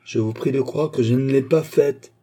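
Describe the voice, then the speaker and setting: A man's voice: medium pitch, normal speed, warm tone, pitched above the performer's own voice, close to an everyday voice. A man reading an audiobook, voicing a proud young queen who pleads and protests in raised, indignant outbursts. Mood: pleading.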